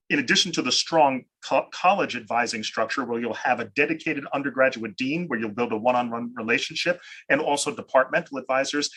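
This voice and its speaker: A man with a forceful, bright tone and a grainy, husky edge hosts a live admissions session. He races through audience questions one after another. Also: medium pitch, rough recording. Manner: rapid-fire question answering. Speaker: admissions panel host and theology teacher.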